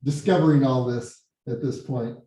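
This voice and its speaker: Running a casual meeting chat, a man speaks in a dark, mid-range voice with fairly even intonation, halting and repeating words as he goes. A computer mic set well back from him in a very echoey room with windows and blinds makes his voice sound hollow and cave-like, as though he's in a hole.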